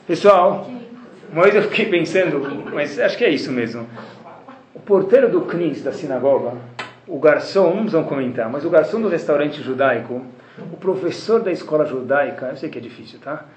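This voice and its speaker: A man with a Brazilian Portuguese accent, teaching a religious class as a lively storyteller who keeps addressing his listeners with rhetorical questions. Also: fairly high pitch, normal speed, lo-fi sound. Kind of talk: lecture to a class. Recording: roomy, with faint background noise.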